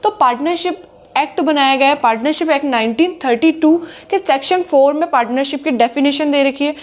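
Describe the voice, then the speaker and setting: A woman a high voice works through a commerce lesson. She mixes in as she explains, and she keeps posing questions that she answers herself. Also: fairly quick. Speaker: commerce teacher. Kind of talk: classroom lecture.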